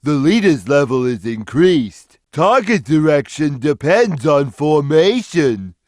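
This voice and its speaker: A man voicing a big, gentle, simple-minded cartoon cat who explains things slowly and plainly, as a video game character. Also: fairly high pitch, sing-song, no echo, clean studio sound. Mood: friendly, earnest. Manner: slow, simple, deliberate instructional delivery. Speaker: video game character giving tutorial hints. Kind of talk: scripted game tutorial voice lines.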